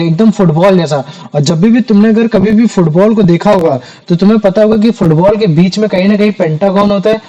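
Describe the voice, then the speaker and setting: A man's voice: high-pitched, warm tone, low-quality recording. A man teaching a chemistry class, talking casually to his students and asking them questions. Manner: chatty, calls students "bhaiya".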